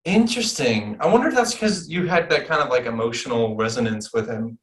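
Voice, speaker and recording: A young man hosting a casual movie chat podcast, lively and animated, swearing casually and jumping up in pitch when excited. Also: brisk, slight background noise. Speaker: podcast host.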